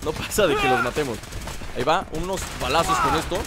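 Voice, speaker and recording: Brisk and on the high side, a Mexican-accented gaming host plays through a let's play, rambling playfully and chatting to himself and his viewers. Video game noise plays in the background.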